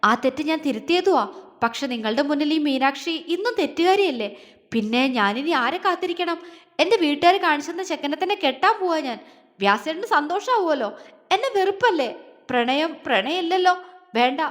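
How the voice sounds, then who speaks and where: A tearful young woman, defiant and wounded, high in pitch, as the storyteller gives her voice. A long hall reverb hangs behind her. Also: expressive, fairly quick. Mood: bitter tearful. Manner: defiant then sobbing.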